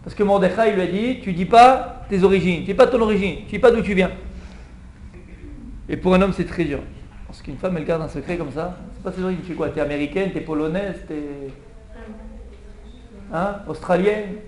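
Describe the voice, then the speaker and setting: A rabbi with a high voice tells the story to a small class in a lively way and plays out the king's pleading. The room rings with echo, and a faint hum runs underneath. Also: brisk, pauses often. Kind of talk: Purim Torah class.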